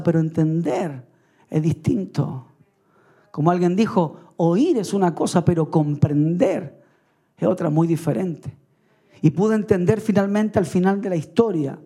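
Preaching man with a high, dark voice. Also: husky. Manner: earnest testimony with asides and chuckles. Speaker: pastor. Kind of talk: sermon. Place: evening church service.

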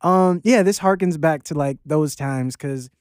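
A man's voice: a little high, unhurried, smooth, no room sound, clean studio sound. Talkative rapper, a man around thirty. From Baltimore, Maryland. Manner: loose and rambling, many fillers and restarts, swears casually. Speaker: guest rapper. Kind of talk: casual interview chat.

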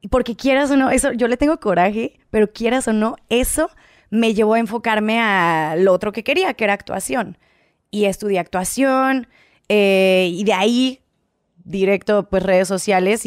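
A woman's voice: mid-range voice, moderate pace, dry recording, clean studio sound. A young woman with a Mexican accent, chatting casually as a guest, slangy and playful. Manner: slangy, playful, laughs often. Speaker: guest youtuber. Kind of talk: casual chat.

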